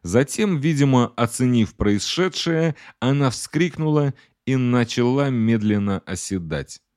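A man narrating an audiobook in the first person, with a dramatic, measured way of telling the story. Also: mid-range voice, expressive, darkish tone, no room sound, clean studio sound.

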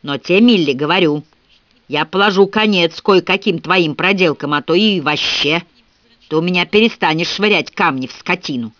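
A man's voice: high-pitched, moderate pace, fairly bright tone, dry recording. A man playing a surly, grumbling old rustic with a wooden leg. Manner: gruff, grumbling. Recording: dull, dry lo-fi recording.

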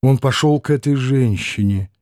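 A man reading an audiobook voices a gentle, shy young man who speaks quietly and sadly. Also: mid-range voice, moderate pace, no room sound, clean studio sound, lightly acted. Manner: quiet, sad, hesitant.

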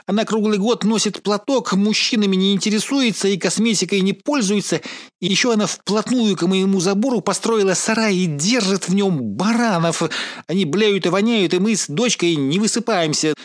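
A man's voice: high-pitched, voice pushed up, close to an everyday voice. A man voicing a gushing, paranoid middle-aged woman calling in to a TV show, breathless and swallowing his word endings. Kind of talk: audiobook character voice.

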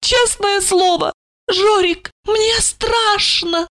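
A woman voicing a drunk, frightened woman who wails in a shrill, hysterical way, in a storybook reading. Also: very slow, fairly bright tone, full character voice.

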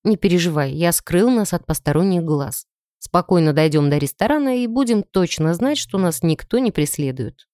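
A woman's lowered voice brings out a composed young male mage from an audiobook fantasy. He sounds confident and reassuring, with a lively, moving intonation. The recording is close and dry. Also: normal speed, no echo, natural voice. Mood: calm.

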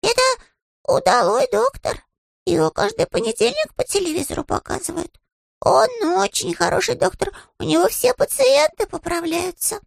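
Paddington, a squeaky little bear. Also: male voice, expressive, moderate pace, vocal fry, dry recording, clean studio sound, exaggerated voice. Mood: earnest. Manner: squeaky, innocent, earnest. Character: small polite young male bear, earnest and naive.

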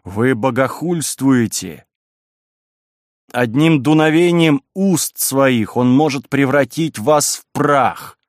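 A man voicing a stern young priest torn by temptation, speaking gravely and solemnly at a middle pitch in a dry setting. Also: slow pace, no room sound, natural voice.

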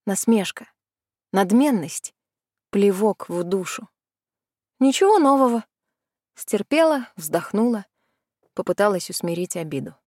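A woman narrating an audiobook in the first person, soft and measured. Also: mid-range voice, lively intonation, no echo, studio quality.

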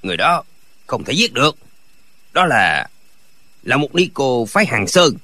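A man voicing a blustering, gruff notorious bandit in a martial-arts audiobook. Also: medium pitch, sing-song, unhurried, pushed and bright, exaggerated voice.

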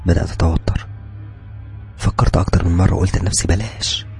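A man narrates a horror story in Egyptian Arabic, low and hushed, at a quick clip. Faint music plays underneath. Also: flat delivery, vocal fry. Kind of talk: first-person horror narration.

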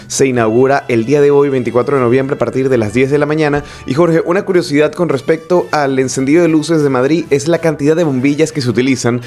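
A man's voice: medium pitch, fairly even intonation, fast, few pauses, a little mellow. A man giving an informative report as a contributor on a radio show. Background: music bed.

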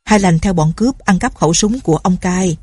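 A blustering village sergeant barks out orders, as a woman reader puts him on. The voice sits low and husky. It is recorded dry and close. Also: a little fast, darkish tone, no room sound. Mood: gruff. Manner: gruff, barking orders. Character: blustering male colonial-era village police sergeant.

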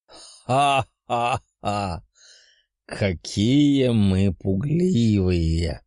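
A man voicing an ancient, proud male dragon spirit in an audiobook, slow and booming with a growl. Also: a little mellow, no room sound, clean studio sound. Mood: mocking laughter. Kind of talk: audiobook character voice.

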